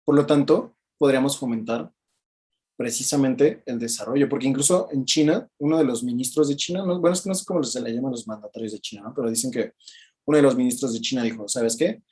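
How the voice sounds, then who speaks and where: A man with a Mexican Spanish accent gives a chatty, casual book commentary, keeps asking "¿no?" and jumps up in pitch to act out quoted people. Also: fast, a little mellow. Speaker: book reviewer.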